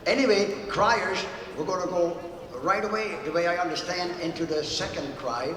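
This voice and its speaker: High-voiced, chatty man announcing. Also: fairly even intonation, normal speed, a bit bright. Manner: chatty, joking, repeats himself. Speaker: master of ceremonies. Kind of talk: casual informal announcing. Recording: echoey, distant mic, crowd noise.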